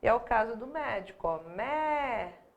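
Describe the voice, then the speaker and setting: A woman's voice: mid-range voice, a little slow, creaky, dull audio. A Brazilian woman teaching Portuguese grammar in a live online exam-prep lesson, explaining step by step and often checking in with the class.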